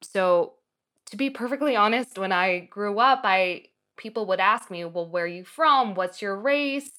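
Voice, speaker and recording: A woman's voice: mid-range voice, expressive, a little slow, sharp tone. A woman from Morocco who teaches film students, speaking thoughtfully in a radio interview.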